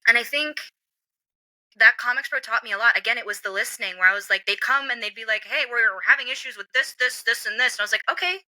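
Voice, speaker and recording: A woman's voice: a little high, no echo, poor audio. A woman guest in a casual interview, telling work stories with many fillers and acting out quoted voices. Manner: animated storyteller, acts out quoted voices; frequent "like" and "um" fillers. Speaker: comics industry guest.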